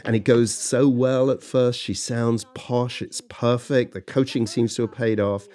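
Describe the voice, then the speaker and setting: A man co-hosting a scripted podcast conversation in a relaxed, reflective way. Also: mid-range voice, measured pace. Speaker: podcast co-host. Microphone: studio microphone.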